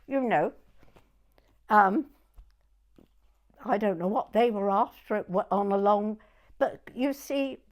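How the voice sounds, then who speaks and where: A woman in her nineties from Weymouth, Dorset, England, speaks with a southern English accent in a voice that sits on the high side and sounds a little mellow. As an oral history interviewee, she reminisces hesitantly, often repeating herself and trailing off.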